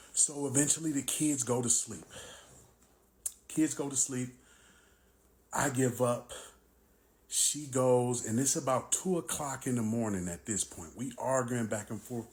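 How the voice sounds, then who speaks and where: A man in his forties telling a personal story to camera, animated and acting out both sides of the dialogue. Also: mid-range voice. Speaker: vlogger.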